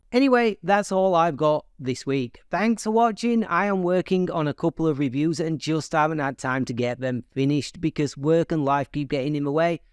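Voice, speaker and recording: Male vlogger, a touch high-pitched, dry and close, tongue-in-cheek indignation. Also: clean tone, no room sound. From Yorkshire, England. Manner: mock-exasperated, playful. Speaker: movie review vlogger.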